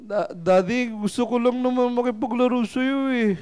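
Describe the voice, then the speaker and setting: Casting: a man putting on a small child, whiny and insistent, high and pleading. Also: fairly even intonation, moderate pace, a little mellow, clean tone. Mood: tearful.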